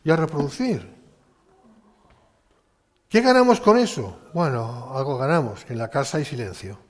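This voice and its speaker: A man's voice: mid-range voice, sing-song, normal speed. A man preaching a conversational sermon, asking rhetorical questions and acting out short exchanges. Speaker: pastor. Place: church hall. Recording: church hall with long reverb.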